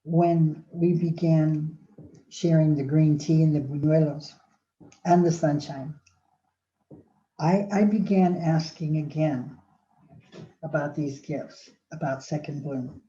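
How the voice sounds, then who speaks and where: An older woman gives a motivational talk, her mellow, slightly low voice moving between storytelling and acted-out inner voices, with sighs and restarts. The recording is dull and echoes in a roomy space. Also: fairly even intonation, slow pace, pauses often. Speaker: speaker giving a talk on aging well.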